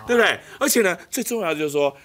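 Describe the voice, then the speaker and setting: A blustering politician with a Taiwanese accent. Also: male voice, high voice, animated. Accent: Taiwanese Mandarin. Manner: bombastic, keeps asking "right?", drawn-out exclamations. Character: blustering self-important male politician-professor, middle-aged. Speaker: satirical politician character. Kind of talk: comedy sketch monologue. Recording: loud music underneath.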